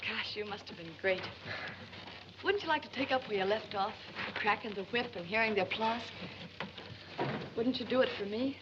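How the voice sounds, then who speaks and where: An actress playing a brisk, earnest show owner in 1940s screwball comedy banter, on an old film soundtrack. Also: female voice, fairly high pitch, highs cut off, background noise, natural voice. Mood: earnest, encouraging. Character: brisk, earnest woman running a travelling show. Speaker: film actor.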